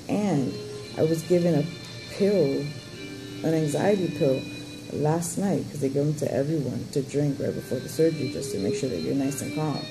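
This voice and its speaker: A woman's voice: sits low, rough recording. A woman in her thirties giving a personal update in casual chat, candid and blunt, rambling and swearing freely. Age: 30s. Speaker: vlogger giving a surgery update.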